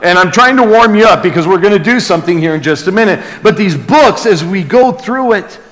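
A pastor preaches a conversational sermon of Bible teaching with call and response, earnest and exclamatory, repeating phrases for emphasis. His high voice is expressive and fairly bright, a little fast. The recording has the long hall reverb of a large room.

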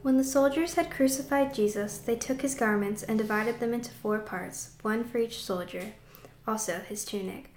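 A woman reading scripture aloud in a clear, careful way. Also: on the high side, normal speed, a little mellow, slight background noise. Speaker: scripture reader. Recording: echoey room.

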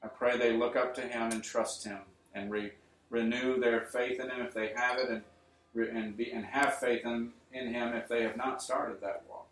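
A male preacher giving an earnest sermon to his congregation, building up to emphatic points and then easing into quiet appeals. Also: medium pitch, level tone, normal speed. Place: church. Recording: roomy church sound, mic at a distance.

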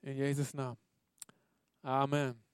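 A man's voice: medium pitch, monotone, slow pace, clean tone, no echo. A man preaching a sermon with an urgent, fervent delivery. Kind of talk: sermon with altar call.

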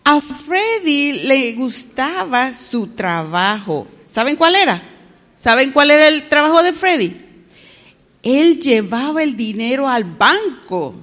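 A woman's voice: high voice, takes it slowly, in a large hall. A woman telling a story to children, often stopping to ask them questions. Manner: asks the children questions, animated.

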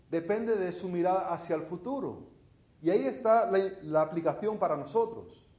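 Venezuelan preacher in an echoey hall. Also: male voice, sits high, a little mellow. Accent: Venezuelan Spanish. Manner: conversational storytelling with rhetorical questions to the congregation. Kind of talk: sermon.

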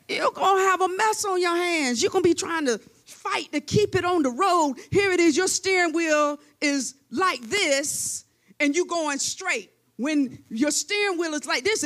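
High-pitched woman preacher who leads a congregation through chants and demonstrations. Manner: demonstrative, uses hands-on examples. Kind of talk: sermon. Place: church with a congregation.

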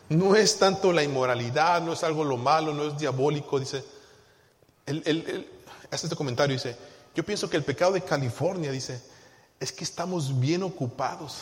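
Male pastor, high voice, long church reverb, call-and-response preaching. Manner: call-and-response questions to the congregation; swings from hushed to loud emphasis. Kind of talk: sermon. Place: church sanctuary.

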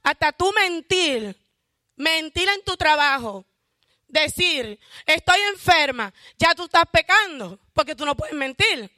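A woman's voice: high-pitched, expressive, slow, dry recording, clean studio sound. A woman giving a fervent church testimony, calling out hallelujahs. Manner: self-described loud shouter.

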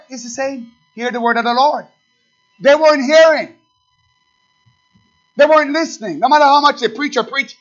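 A high-pitched male pastor gives a fiery sermon, moving between quiet asides and loud, slow, emphatic readings of scripture. He questions his congregation directly, and the recording is dull and lo-fi.

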